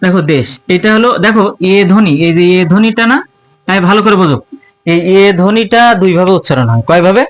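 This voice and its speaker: This high-voiced man from Bangladesh talks quickly while teaching grammar to his students in a casual, colloquial way. He keeps circling back to the key terms and answers his own questions, and the recording is dry.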